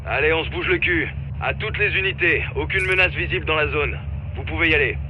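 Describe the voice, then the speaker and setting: An actor playing a commanding military air-support officer in a video game, giving clipped, authoritative orders. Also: male voice, on the high side, fairly quick, lo-fi sound, lightly acted. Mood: brisk, focused. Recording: radio dialogue under loud battle noise.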